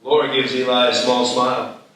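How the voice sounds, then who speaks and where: At a live festival screenplay table read in an echoey room, a man delivers the stage directions as scripted narration. His medium-pitched voice keeps a level tone at normal speed, and the distant-mic recording carries faint noise and crowd sounds.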